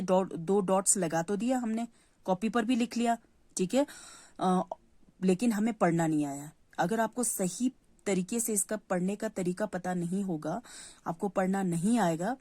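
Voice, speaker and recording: A woman's voice: mid-range voice, normal speed, mellow, no room sound. A woman teaching a Hindi lesson to young children, patient, repeating key words and answering her own questions. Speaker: primary school Hindi teacher.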